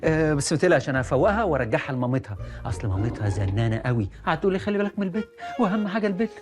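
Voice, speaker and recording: A jittery young Egyptian doctor who jokes his way through everything. His speech is very fast and his pitch swings widely. Music plays beneath the scene. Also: big pitch swings. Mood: joking. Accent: Egyptian Arabic. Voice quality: rapid, jokey, prone to panic. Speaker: young doctor in a comedy series. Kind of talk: sitcom acting. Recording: music under the dialogue.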